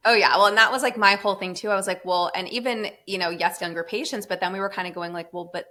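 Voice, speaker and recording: A woman's voice: mid-range voice, quick pace, pushed and bright. A woman guest on a podcast, a pediatric therapist who explains her work at length in a passionate, emphatic way. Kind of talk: casual podcast conversation.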